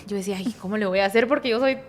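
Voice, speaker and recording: This Guatemalan-accented woman pastor talks very fast at a medium pitch on a podcast, casual and meandering, interrupting herself and ending many phrases with tag questions. She describes herself as soft-spoken but energetic. A faint hiss or hum comes through the studio podcast microphone, which is kept at a distance.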